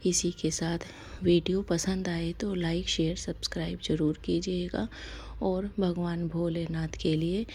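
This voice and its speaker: A woman hosting a devotional channel, explaining fasting rituals softly and slowly, her lines often trailing off into a whisper. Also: lowish voice, level tone, slight background noise. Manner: slow, soft-spoken, lapses into whispery line endings.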